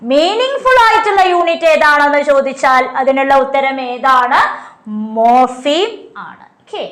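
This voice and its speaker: A woman teaching an exam coaching class. She poses questions and answers them herself, reading slowly and explaining quickly. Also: sits high, animated, a bit bright, echoey room. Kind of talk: online class lecture.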